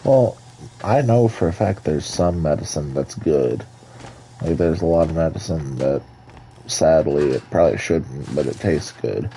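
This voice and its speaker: Dark, low, congested young man. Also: animated, measured pace, slight background noise, poor audio. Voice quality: nasal, stuffed-up. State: congested from allergies. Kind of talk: casual chat while gaming.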